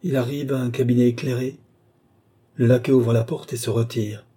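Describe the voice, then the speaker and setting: A man voicing an entranced woman seer who answers obediently and haltingly. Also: mid-range voice, steady tone, warm tone, slightly rough, natural voice. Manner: halting, submissive replies.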